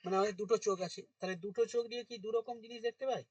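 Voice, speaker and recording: High-voiced teacher, far from the mic. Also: male voice, steady tone, racing, a little mellow, slightly rough, dry recording, muffled recording. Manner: informal, asks students questions and dictates notes. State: voice getting hoarse. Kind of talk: classroom lesson to students.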